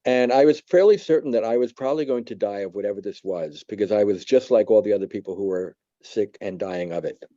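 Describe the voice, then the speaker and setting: A man in his seventies from New York, telling a personal faith testimony in a reflective, halting way with many pauses. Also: on the low side, warm tone, no room sound, highs cut off. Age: 70s. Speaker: church member giving testimony.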